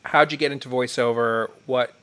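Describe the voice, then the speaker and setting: A man with a campy, animated manner, telling a backstage story as a podcast host. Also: mid-range voice, normal speed, clear, resonant tone. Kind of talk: casual storytelling.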